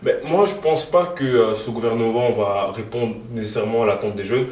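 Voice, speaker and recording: A man's voice: mid-range voice, a little fast, a little mellow. A young man in his twenties answering interview questions as a youth party co-president, speaking hesitantly with many fillers. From moved to Belgium in 2013. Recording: echoey room, from far off.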